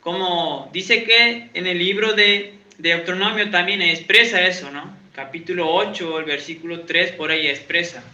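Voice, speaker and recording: A man's voice: high-pitched, normal speed, hardly any pauses, sharp tone. A man, an evangelical pastor preaching a chatty sermon in a church, quizzing his congregation and joking about himself. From Santiago, Argentina. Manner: chatty, quizzes the congregation, self-mocking humor. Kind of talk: conversational sermon. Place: church in Uruguay. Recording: echoey church, dull lo-fi sound.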